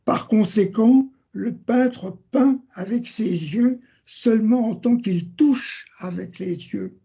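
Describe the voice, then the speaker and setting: An older man delivers an academic seminar lecture, reading at a slow, deliberate pace from his notes. His voice is mellow and a little husky. He cites sources and page numbers as he goes, and the recording sounds dull and lo-fi. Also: sits high. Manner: measured reading, citing sources and page numbers, correcting himself.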